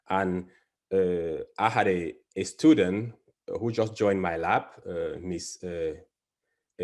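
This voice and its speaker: A low-sitting, darkish voice belongs to a Cameroonian man, a biology professor. He's delivering an academic talk over a video call, stumbling through many fillers and restarts.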